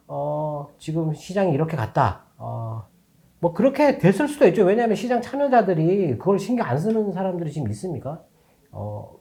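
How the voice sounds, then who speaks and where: A man with a warm, dark tone talks through the day's market moves as a finance show analyst. His pitch rises and falls a lot as he reasons aloud, often circling back to restate a phrase before going on.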